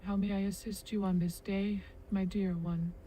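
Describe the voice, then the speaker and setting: A woman's voice: mid-range voice, little pitch movement, normal speed, warm tone, a little hiss or hum, natural voice. A woman voicing a kindly forest spirit, an ancient guardian in a game, speaking in flowery, solemn phrases. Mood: serene, gracious. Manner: flowery, solemn storybook speech. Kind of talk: scripted video game character dialogue.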